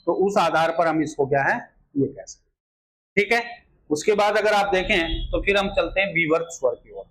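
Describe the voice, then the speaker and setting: High-voiced man teaching Hindi grammar. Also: fairly bright tone, a little hiss or hum, rough recording. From India. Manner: repetitive filler phrases, rhetorical questions to students. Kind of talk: exam-prep grammar lesson.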